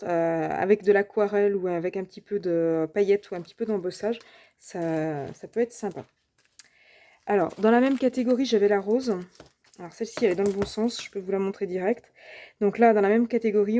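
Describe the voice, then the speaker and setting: A woman hosting a crafting channel, chatting casually through a product review and often pausing to search for her words. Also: medium pitch, mellow.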